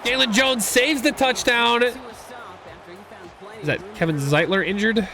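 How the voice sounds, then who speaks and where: A young man giving casual, excitable commentary while playing a football video game, rambling and reacting loudly to big plays. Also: extremely high pitch, unhurried, creaky. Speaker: gaming YouTuber.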